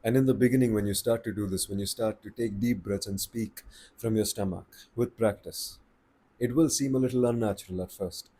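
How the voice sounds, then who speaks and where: A man with an Indian accent giving calm, slow-paced advice on speaking to the camera. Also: fairly low pitch, a little hiss or hum. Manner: slow, calm and deliberate, with pauses. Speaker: voice coach. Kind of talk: casual advice talk to camera.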